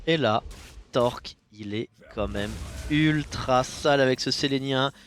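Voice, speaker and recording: A man giving casual, jokey commentary on a card game match, with sudden bursts of loud enthusiasm. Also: medium pitch, unhurried, slight background noise.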